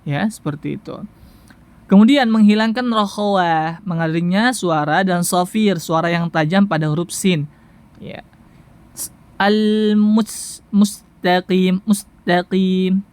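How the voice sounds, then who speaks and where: A Quran recitation teacher giving a tajwid lesson, patiently repeating syllables slowly for the listener to practice. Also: medium pitch. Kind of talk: tajwid lesson with sound drills.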